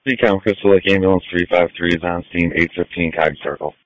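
A man's voice: deep voice, fairly even intonation, a little fast, fairly bright tone, dry recording. A man on an ambulance crew giving procedural status reports over two-way radio. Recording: dull close two-way radio.

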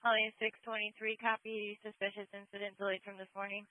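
A woman police dispatcher giving brisk, clipped radio codes over a police radio. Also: mid-range voice, level tone, sharp tone, no echo. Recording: narrow-band dry radio transmission.

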